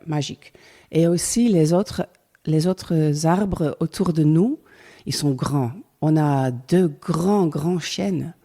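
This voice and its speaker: In a casual interview chat, a middle-aged Dutch guest from the Netherlands speaks French with a Dutch accent in a low, dark voice. She sounds hesitant, hunting for words and leaning on many fillers.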